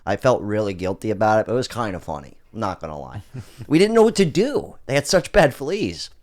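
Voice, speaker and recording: A brash man hosts a casual podcast and reacts to clips with crude, laughing commentary. His voice sits a little low. He swears freely and gets loud when he is worked up. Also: big pitch swings, a little fast. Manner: loud, laughing, profane banter. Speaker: podcast host.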